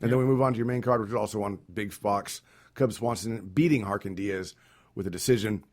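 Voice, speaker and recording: A man's voice: fairly low pitch, fairly quick, darkish tone. A man hosting a podcast, chatting casually and laughing as he runs through fight results. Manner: laughs often, reads off results loosely. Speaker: podcast host.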